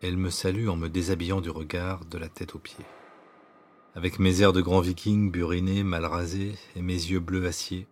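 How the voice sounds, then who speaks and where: A man reading his own autobiographical story as scripted narration, in an intimate, hushed way that at times drops to a whisper. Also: low-pitched, little pitch movement, moderate pace, a little hiss or hum. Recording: narration over clear background music.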